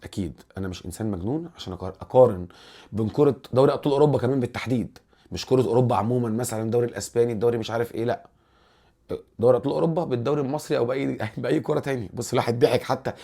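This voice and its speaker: Egyptian guy doing a football vlog, talks super fast, rambles and keeps restarting words. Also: medium pitch, warm tone. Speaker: football channel host. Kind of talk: casual football commentary vlog.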